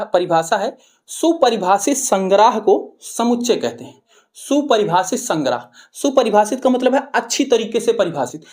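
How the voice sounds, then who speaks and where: A woman's voice: medium pitch, darkish tone. A woman with a Hindi accent from Uttar Pradesh teaching maths. She asks questions, answers them herself and keeps checking with "ठीक है". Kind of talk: classroom-style explanation to students.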